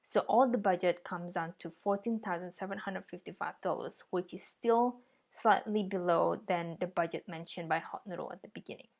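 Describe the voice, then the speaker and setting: A woman with a slightly low voice presents a project. She explains it step by step, as a designer walking listeners through her work. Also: normal speed, gravelly, darkish tone.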